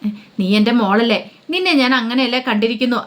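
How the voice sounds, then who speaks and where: A woman voicing a stern aging father, quick to anger. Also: on the high side, animated, close to an everyday voice. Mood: tender.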